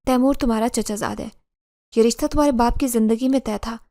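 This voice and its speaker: A stern old matriarch speaks in a loud, harsh, commanding tone, as a woman narrator puts her on. Her voice stays mellow and a little high, in a storybook horror tale. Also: steady tone, dry recording, clean studio sound, lightly acted. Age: older.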